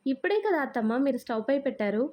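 Woman playing a dutiful young daughter-in-law, polite, soft-spoken, fairly high, mellow. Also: expressive, fast.

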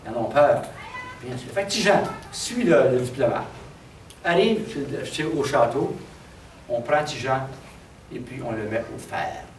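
A man with a Québécois accent telling a traditional folk tale in an animated, dramatic way. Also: medium pitch, unhurried, slight background noise. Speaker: storyteller. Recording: roomy, distant mic, faint background.

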